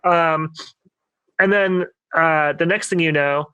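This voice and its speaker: Guy, fairly high voice, rambly storyteller, lots of ums, dead dry sound. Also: slow, clear, resonant tone, dry recording, highs cut off. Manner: rambling, animated storyteller with many fillers. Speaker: podcast co-host. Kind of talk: casual storytelling among friends.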